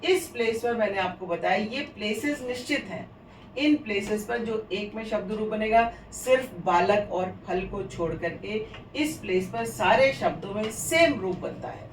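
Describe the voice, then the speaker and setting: A woman's voice: mid-range voice, recorded from a distance. Lady teacher going over grammar forms again and again, roomy sound, bit of hiss. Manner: patient, repetitive drilling of declensions. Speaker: Sanskrit teacher. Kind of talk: grammar lesson reciting word forms.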